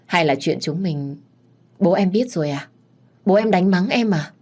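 A caring young man, voiced by a woman narrator, speaks soothing, gentle words in an audiobook story. The voice stays fairly low and calm. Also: moderate pace, husky.

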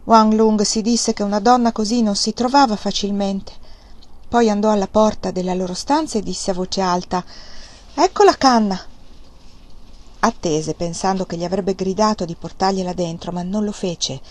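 Woman, audiobook narrator, measured expressive reading, mid pitch. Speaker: reader of a novel.

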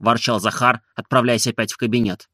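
A man narrating a classic novel in an expressive, measured audiobook reading. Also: mid-range voice, no echo, studio quality.

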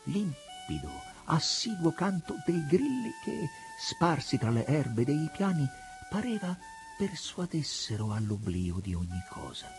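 A man reading a classic novel aloud, measured and expressive. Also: low-pitched. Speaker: audiobook narrator. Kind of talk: literary audiobook reading.

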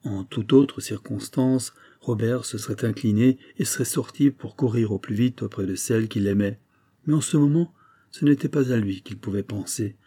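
A man narrating a classic novel in a measured, even reading style. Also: on the low side. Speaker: audiobook narrator.

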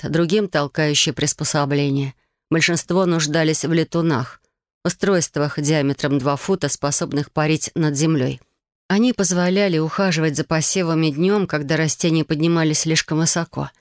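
An audiobook reader narrating a fantasy novel in a measured, even storytelling manner on a close studio mic. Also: medium pitch, no echo.

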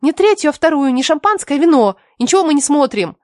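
A woman's voice: high-pitched, expressive, quick pace, no room sound, studio quality, pitched above the performer's own voice. A woman voicing Laura, a bold, mischievous young woman who teases her friends and scolds sharply. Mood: irritated. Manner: teasing, then hissing and scolding.

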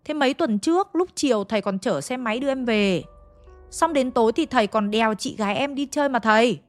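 A woman's voice: on the high side, brisk, dry recording, soft background music, natural voice. A woman with a Hanoi accent voicing a frightened, chatty young schoolgirl who pleads and insists. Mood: insistent. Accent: Hanoi Vietnamese.

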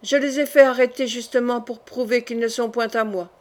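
A woman voicing a scheming, resentful young duke who answers with sharp, bitter retorts, in an audiobook. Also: a little high, fairly even intonation, a little fast, lightly acted.

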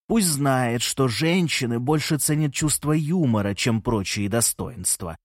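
A man's voice: mid-range voice, expressive, measured pace, no room sound, clean studio sound. A man voicing a gushing, theatrical old grandma. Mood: doting, teasing. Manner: gushing, teasing, fussy. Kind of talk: audiobook character reading.

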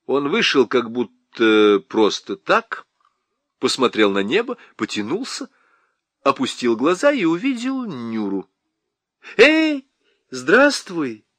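A man reading a comic novel aloud as an audiobook narrator, with ironic, expressive storytelling. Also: mid-range voice, a little slow, no echo. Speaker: audiobook reader.

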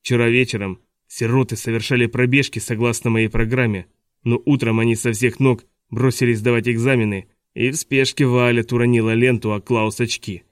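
A man doing a smooth, gloating villain. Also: mid-range voice, flat delivery, fairly quick, no room sound, studio quality, close to an everyday voice. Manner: smooth and falsely polite, gloating. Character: scheming, gleeful villain posing as a teacher. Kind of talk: audiobook dialogue reading.

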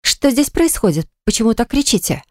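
A reader voicing a shocked young woman who squeals her lines in a high, near-tearful voice. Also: big pitch swings, brisk, darkish tone, no room sound, clean studio sound. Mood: bewildered. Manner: high, squeaky, on the verge of tears. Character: shrill, shocked young woman, office boss's wife.

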